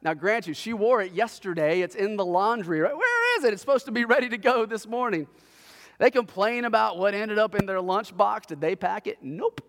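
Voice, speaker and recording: A man delivers a sermon in an unusually high voice, spinning an everyday family story with animated, sarcastic flair. His words ring out with a long reverb trailing behind them. He sounds like a pastor talking straight to his congregation. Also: a little fast.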